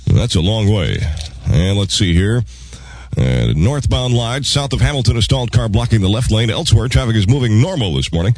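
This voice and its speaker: A man's voice: lowish voice, big pitch swings, a little fast, a little mellow, no room sound. A man working as a morning radio DJ, mixing announcements with wry, joking patter. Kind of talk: radio patter, time, weather and traffic.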